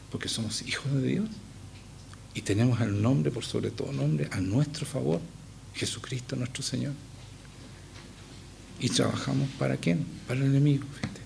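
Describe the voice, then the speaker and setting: A man's voice: medium pitch, creaky, darkish tone, a little hiss or hum. A man with a Chilean accent preaching a sermon as pastor, emphatic and often firing questions at the congregation. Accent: Chilean Spanish.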